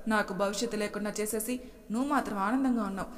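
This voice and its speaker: A woman's voice: medium pitch, fast talker, lightly acted. A woman voicing Arjun, a troubled young man. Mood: accusing. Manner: emotional, pleading and remorseful. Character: young man, troubled and torn by his past. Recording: long hall reverb.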